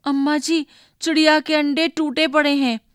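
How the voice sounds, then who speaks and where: A woman doing a shrill, whiny little girl. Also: little pitch movement, normal speed, no echo, studio quality, lightly acted. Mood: excited, anxious. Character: tearful stubborn little girl, a tattletale.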